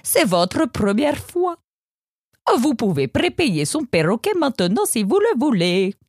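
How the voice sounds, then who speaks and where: A woman's voice: a little high, very animated, measured pace, darkish tone, breathy edge, no echo, studio quality, exaggerated voice. A woman doing a slick, playful shopkeeper. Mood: smooth persuasive. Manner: salesy, playful, drops foreign words. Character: smooth-talking male parrot-post shopkeeper. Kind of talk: audiobook character voice.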